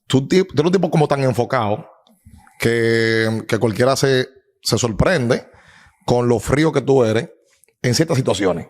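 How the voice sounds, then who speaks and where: Man hosting a sports podcast, relaxed probing interviewer. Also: medium pitch, a little slow. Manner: probing, conversational questions. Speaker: podcast host. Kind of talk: casual interview.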